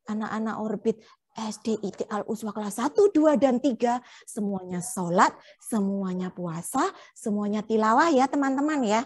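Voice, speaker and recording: A woman's voice: a little high, animated, moderate pace. A young woman teacher, playfully quizzing a puppet and the children in a lesson. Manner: playful, coaxing, asks children questions.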